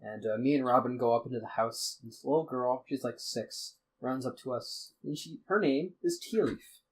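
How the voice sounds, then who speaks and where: A young podcast host recaps a tabletop game in a rambling, profane, casual storytelling style, restarting often and acting out characters' lines in short snippets. His medium-pitched voice has a breathy edge at normal speed, on a low-quality recording.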